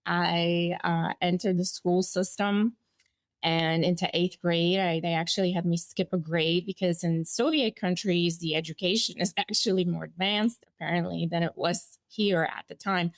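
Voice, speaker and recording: Here a woman in her forties, born in Bulgaria and brought up in America, shares her life story in a personal interview, candid and reflective with little laughs and restarts. Her lowish voice holds a steady tone at normal speed, with no echo.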